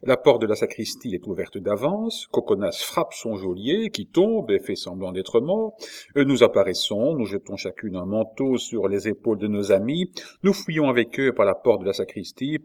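A man's voice: fairly low pitch, sing-song, normal speed, darkish tone. A man playing a bold playful duchess. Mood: scheming.

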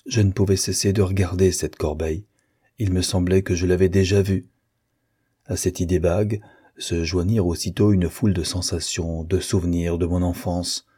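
A man narrates a classic novel in a measured, expressive reading. His voice is deep and mellow. It has a husky grain to it. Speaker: audiobook reader.

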